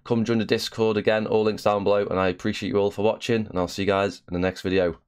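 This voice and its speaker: A young male channel host with a fairly low, flat-sounding voice talks fast in a casual promotional video. He's chatty, with frequent "uh" and "um" fillers, and has a slight cough.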